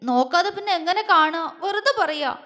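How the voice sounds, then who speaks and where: A woman's voice: sits high, expressive, measured pace, fairly bright tone, long reverb tail. A woman playing a shy, tearful young wife. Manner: small, hesitant, whimpering.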